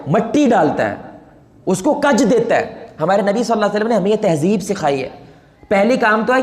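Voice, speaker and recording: A man with a Pakistani Urdu accent giving an animated sermon, asking the audience questions. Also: high voice, roomy sound, big-room sound. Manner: animated, asks the audience questions, mixes in Punjabi quotes. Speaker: preacher.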